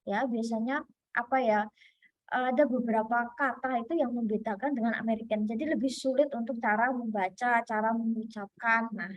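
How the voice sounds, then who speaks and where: A woman's voice: a little high, no room sound. A woman lecturer from Indonesia giving a chatty online lesson, full of fillers and restarts.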